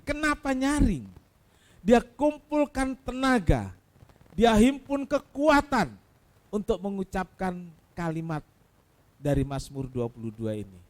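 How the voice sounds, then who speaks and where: This Indonesian-accented man preaches as a pastor, referring to his audience as "saudaraku." He shifts between loud exclamations and soft, low asides while asking rhetorical questions.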